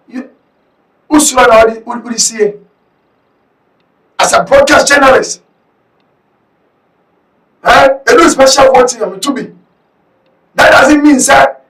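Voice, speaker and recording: A man with a Ghanaian English accent giving heated political commentary, often shouting and slipping between English and Twi. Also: very high-pitched, roomy sound, far from the mic, poor audio.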